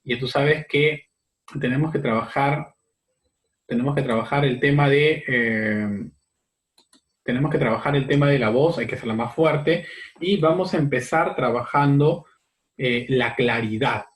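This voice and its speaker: Male teacher, mid-pitch, talks through a class lesson with fillers and tag questions. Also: a little slow. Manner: repeats phrases while explaining. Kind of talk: recorded class explanation.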